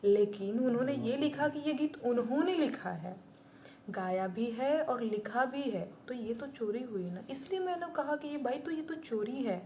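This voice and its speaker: A woman's voice: fairly high pitch, lively intonation, normal speed, mellow, a little hiss or hum. A woman who is a singer and songwriter, chatting live with her viewers and answering their comments in an emphatic, indignant way, repeating her points for stress.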